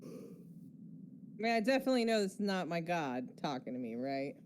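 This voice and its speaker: A woman's voice: fairly low pitch, big pitch swings, moderate pace, darkish tone. A woman playing a tabletop game, chatting casually and speaking for her character. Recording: faint background noise.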